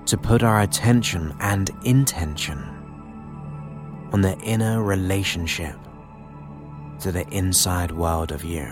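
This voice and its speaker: Man, low-pitched voice, slow guided hypnosis delivery, soothing, short phrases with long pauses, new-age music behind. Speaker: guided meditation host. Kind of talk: guided relaxation hypnosis narration.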